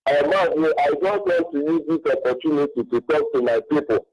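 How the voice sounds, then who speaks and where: A man's voice: on the high side, a little fast, a little mellow, low-quality recording. A man with an Igbo Nigerian accent making an earnest appeal as a radio phone-in caller. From Abia State, Nigeria.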